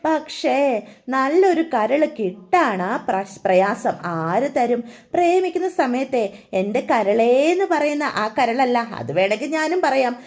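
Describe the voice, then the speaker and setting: Young wife, scornful, cutting, lecturing, woman doing the voice, high-pitched. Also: darkish tone. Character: sharp-tongued young wife, cool and scornful.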